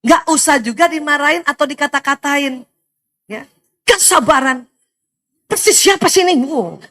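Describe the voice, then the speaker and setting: A middle-aged woman from Indonesia giving a lively religious talk to women, animated, often laughing and speaking straight to her listeners. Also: high-pitched, normal speed. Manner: animated, laughs often, addresses audience directly.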